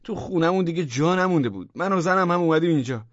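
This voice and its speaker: A man voicing a brash, cheating man who loudly and indignantly defends himself, in a storybook reading. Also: big pitch swings, breathy edge, no echo, muffled recording. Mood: pleading. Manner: loud, indignant, high-strung.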